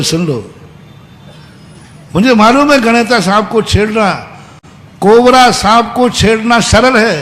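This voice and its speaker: A man, a Jain monk, giving a sermon, telling stories with sudden loud emphatic bursts and quiet asides. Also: high-pitched. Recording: long hall reverb with faint background hum.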